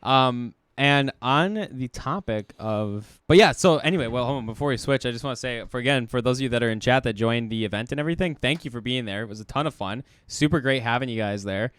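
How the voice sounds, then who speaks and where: This is a young man co-hosting a relaxed podcast chat, and he races through his thoughts. His voice is clear and smooth, and it sounds close and dry. He rambles with lots of fillers and gets excited as he talks. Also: mid-range voice, fairly quick, hardly any pauses, no room sound. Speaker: podcast co-host. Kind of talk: casual chat.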